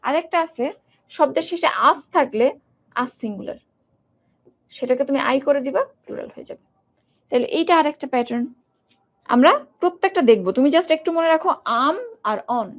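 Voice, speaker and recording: A young woman teaching an exam-prep grammar lesson, asking the students questions and repeating words in drills. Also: sits high.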